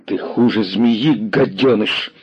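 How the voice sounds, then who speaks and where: A man's voice: on the low side, takes it slowly, dark tone, husky, no room sound, dull audio. A man voicing a stern male revolutionary commissar who speaks hard and clipped. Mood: contemptuous.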